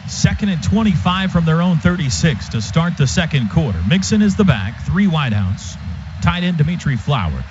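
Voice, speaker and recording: Fairly high-pitched and sing-song, a radio commentator calls a football game at a moderate pace in clipped present-tense fragments. The sound is a dull lo-fi broadcast from a stadium booth, with stadium noise coming through clearly.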